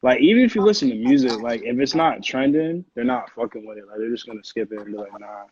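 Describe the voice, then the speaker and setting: A music producer in his twenties from Connecticut chats casually as an interview guest, using slangy, profane speech in an American accent. His medium-pitched, slightly mellow voice is animated and quick. The call audio is dull, roomy and lo-fi, with slight background noise.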